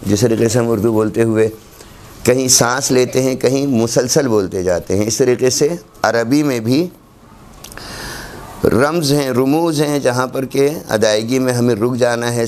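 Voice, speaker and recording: A man's voice: mid-range voice, darkish tone, slight background noise. A man teaching a class on Quran recitation rules, explaining step by step and repeating examples. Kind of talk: classroom lecture.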